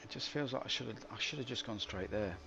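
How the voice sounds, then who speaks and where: Over game music, a man streams live gameplay, grumbling with wry, self-mocking humor as he plays. His mid-range voice is quick with vocal fry, and the recording sounds muffled.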